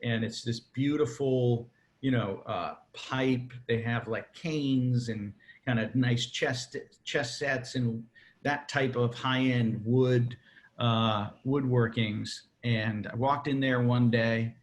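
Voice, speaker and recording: A man's voice: medium pitch, fairly even intonation, takes it slowly. A man guesting on an interview, telling long rambling stories with plenty of fillers in a casual chat. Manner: rambling storyteller, many fillers. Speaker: cigar maker, interview guest.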